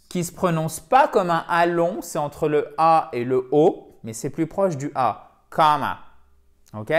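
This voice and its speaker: Lively man teaching a video lesson. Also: on the high side. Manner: lively, drills pronunciation by repeating words. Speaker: English teacher. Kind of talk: video lesson for French speakers.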